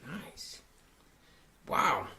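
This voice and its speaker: A young woman hosts a children's library show, bubbly and chatty, laughing often and rambling with fillers. Here she whispers, drawing out her words in a sharp tone.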